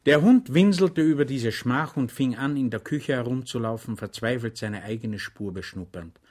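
A man narrating an audiobook in a measured storytelling manner. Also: medium pitch, a little mellow. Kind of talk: audiobook reading.

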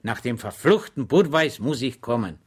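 A man playing a calm, stubborn good soldier. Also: mid-range voice, normal speed, breathy edge. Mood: determined. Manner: calm, earnest, dignified.

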